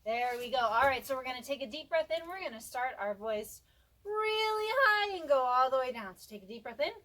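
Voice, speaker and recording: High-voiced upbeat woman teacher. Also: animated, brisk, fairly bright tone, a little hiss or hum, low-quality recording. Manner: upbeat, coaxing, counts aloud with energy. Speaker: music and theater teacher. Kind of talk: classroom warm-up instruction.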